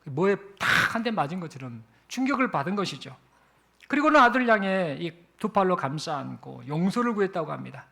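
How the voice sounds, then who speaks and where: A male pastor telling a story from the pulpit in an animated way. His voice is high and swings widely in pitch, with a gravelly fry running through it. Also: fairly quick. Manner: animated storytelling with acted-out quotes. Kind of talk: sermon storytelling.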